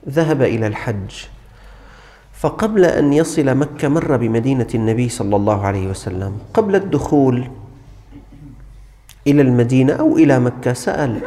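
A man's voice: medium pitch, mellow. A man preaching a sermon, speaking earnestly to the congregation as his brothers and telling stories to make his point. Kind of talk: sermon with storytelling. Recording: long hall reverb.

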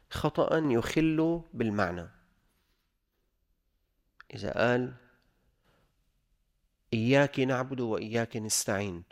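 Gravelly man teaching religious law. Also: medium pitch. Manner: reads the text, then explains it in colloquial speech; repeats examples slowly for emphasis. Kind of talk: explaining a jurisprudence text.

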